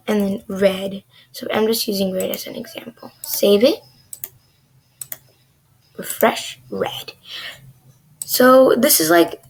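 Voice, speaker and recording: Young woman, kinda husky and gravelly, rambly coding tutorial talk with lots of likes and ums. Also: a little high. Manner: chatty, filler-heavy, says "like" a lot. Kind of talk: casual screen-recorded coding lesson.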